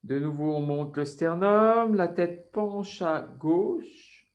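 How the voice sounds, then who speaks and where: A man with a French accent guiding a yoga class over a video call, giving slow, calm breathing cues. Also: fairly high pitch, lo-fi sound. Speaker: yoga teacher.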